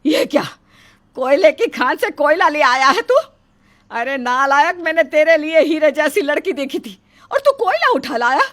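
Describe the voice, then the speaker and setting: A woman's voice: sits high, sing-song, moderate pace, fairly bright tone. A woman voicing a harsh, scornful middle-aged mother-in-law in a cartoon story, scolding and taunting. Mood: angry.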